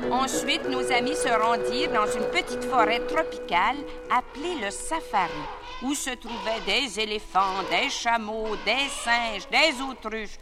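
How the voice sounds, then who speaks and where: Woman, children's record narrator, gentle sing-song, high lively voice, slow, old vinyl, music behind.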